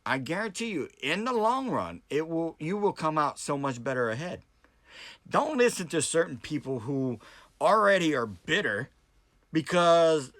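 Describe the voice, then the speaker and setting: A man's voice: medium pitch, fairly bright tone, dry recording. An American man giving an opinionated, unscripted monologue to viewers, blunt and emphatic, repeating points and asking rhetorical questions. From United States. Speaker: political commentary vlogger who hosts debates.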